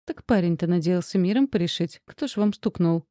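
A woman's voice: on the low side, a little fast, dark tone, dry recording, clean studio sound, close to an everyday voice. A woman voicing a talkative, flustered new male security guard in an audiobook. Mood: chatty. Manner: talkative, folksy.

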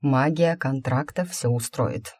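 A woman voicing a calm, smooth-talking male mage who stays unruffled and speaks in an ingratiating way, in a story read aloud. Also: extremely low pitch, dry recording, studio quality, full character voice. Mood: composed. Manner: unhurried, imperturbable, ingratiating.

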